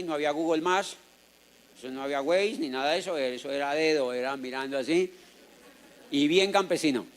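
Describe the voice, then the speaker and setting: High-voiced Colombian man telling a lively story. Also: clear, resonant tone. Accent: Colombian Spanish. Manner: lively storyteller who acts out the people in his story, joking with the crowd. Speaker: motivational speaker. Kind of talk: storytelling talk to a live audience. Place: auditorium.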